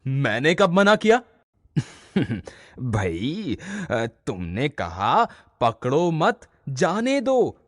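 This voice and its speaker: A man's voice: fairly high pitch, wildly swooping pitch, very slow, no echo, studio quality, full character voice. A man voicing a flustered man who lost his goods, speaking insistently in a short story skit. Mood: exasperated. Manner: shouting insistently, then laughing and explaining.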